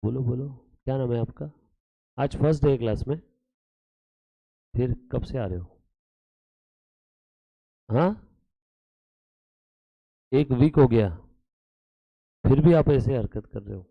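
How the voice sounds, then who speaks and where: A man's voice: mid-range voice, slow pace, gravelly, pauses often, no room sound, muffled recording. A man teaching accounts to a live class, with a slight tinge, who keeps questioning students and scolds them playfully. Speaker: accounts lecturer. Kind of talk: classroom lecture mixing Hindi and English.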